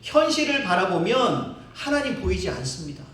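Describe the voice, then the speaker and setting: A man's voice: sits high, sing-song, moderate pace, fairly bright tone, slight background noise. A male pastor preaching a sermon, telling the story vividly, acting out quotes and chuckling. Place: church sanctuary. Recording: very echoey hall, distant mic.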